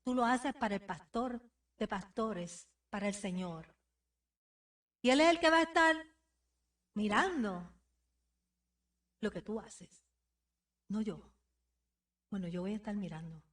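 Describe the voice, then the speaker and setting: A woman pastor with a high voice preaches to her congregation, exhorting them directly and repeating her phrases. She sounds a little distant from the microphone, as if picked up across a church. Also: lively intonation, slow, pauses often, a bit bright. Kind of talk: sermon. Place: church sanctuary. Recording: voice somewhat distant from the mic.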